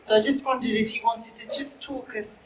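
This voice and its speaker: Woman hosting a panel, highish voice, echoey room, informal. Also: steady tone, fairly quick. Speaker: panel chair. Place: live event room, microphone. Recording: echoey room, faint background noise.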